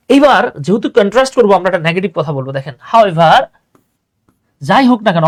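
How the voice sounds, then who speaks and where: A young man teaches English grammar in an online class, chatty and full of little affirmations. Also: high voice. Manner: chatty, repeats "হ্যাঁ", mixes English terms into Bengali.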